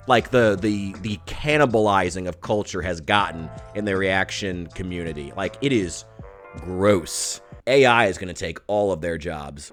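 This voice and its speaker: A man's voice: on the low side, a bit bright. A man in his thirties talking straight to camera in a candid, rambling vlog monologue, swearing freely and poking fun at himself. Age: 30s. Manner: candid, rambling, profane, self-deprecating. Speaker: YouTuber.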